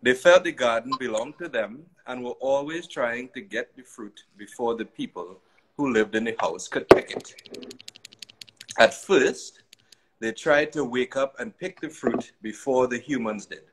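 A man narrating a children's story aloud in an expressive, sing-song way. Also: mid-range voice, measured pace, noisy background.

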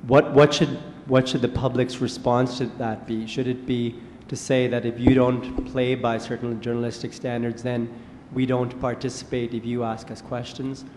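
A man's voice: mid-range voice, level tone, normal speed, a little mellow, a little hiss or hum. A man in the audience asks a long-winded question at a panel in a large lecture hall, often repeating himself. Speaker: audience member asking a question.

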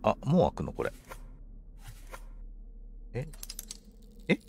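A man's voice: medium pitch, huge pitch swings, takes it slowly, vocal fry, warm tone, slight background noise. A man commentating on a game for a livestream, politely musing aloud to himself in casual chat. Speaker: game streamer.

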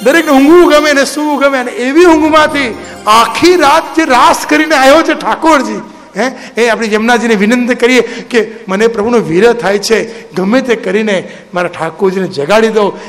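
A man's voice: very high-pitched, moderate pace, a bit bright. A man giving a devotional discourse, exhorting his listeners with rhetorical questions. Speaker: religious speaker. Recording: reverberant hall with instrumental music.

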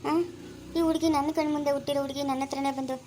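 A proud woman police officer, acted by a woman, in a family skit drama. She gives brisk orders quickly in a high voice. Her manner is stubborn and commanding. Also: flat delivery, mellow, a little hiss or hum, natural voice. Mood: worried.

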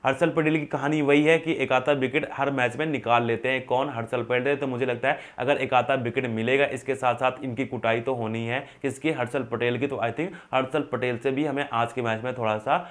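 A young man giving a fantasy cricket rundown to camera, quizzing himself with quick questions and answering them, recorded on a lapel mic in an indoor studio. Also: mid-range voice. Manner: rapid, animated hand gestures, self-asking "who?" then answering. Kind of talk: fast scripted-free stats rundown to camera. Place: indoor studio with printed backdrop. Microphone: lapel mic, medium framing.

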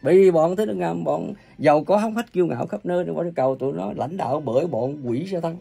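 A man preaching an angry, ranting sermon, cursing and scolding his listeners with coarse insults, his volume swinging from loud bursts to low mutters. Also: quick pace, creaky, breathy edge, soft background music. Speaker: self-proclaimed religious preacher.

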